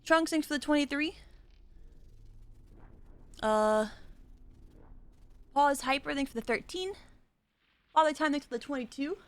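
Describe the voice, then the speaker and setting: A woman's voice: high voice, unhurried, long pauses, dry recording. A young woman streaming a game, chatting casually, thanking viewers and trailing off with lots of "um"s. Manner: chatty, thanks viewers one by one, filler-heavy. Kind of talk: casual live-stream chat.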